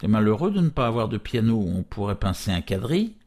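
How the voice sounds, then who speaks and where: A man voicing a boisterous male merchant who plays pranks and exclaims loudly. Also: fairly low pitch, sing-song, quick pace. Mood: rowdy. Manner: loud, exclamatory, joking.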